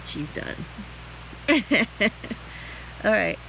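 A woman's voice: mid-range voice, big pitch swings, very slow, fairly bright tone, slight background noise, low-quality recording. A woman at home filming her cat, talking to it in playful baby talk and mewing back at it. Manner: playful, laughing, coos and meows at the cat. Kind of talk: casual baby-talk to a pet. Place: home, indoors.

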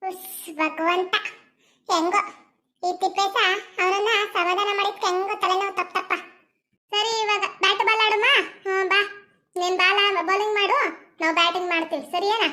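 A woman doing a squeaky bossy scolding girl. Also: steady tone, moderate pace, sharp tone. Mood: fretting. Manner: scolding, bossy, muttering asides.

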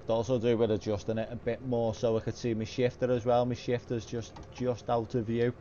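A man's voice: mid-range voice, flat delivery, fairly quick, dark tone, muffled recording, a little hiss or hum. A man hosting a sim racing video, talking casually to viewers in an informal, somewhat hesitant way at home. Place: indoor home sim rig.

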